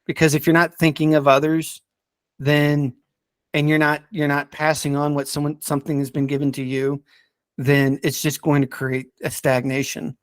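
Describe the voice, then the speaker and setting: A man talks through stories on a relaxed podcast, stumbling and repeating words as he goes. His voice is slightly high with a level tone, and the audio carries no room sound.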